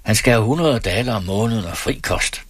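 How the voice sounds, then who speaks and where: A man voicing a drunk, boastful, hot-tempered estate steward who talks loudly and haughtily. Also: on the low side, lively intonation, breathy edge, no echo. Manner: loud and haughty.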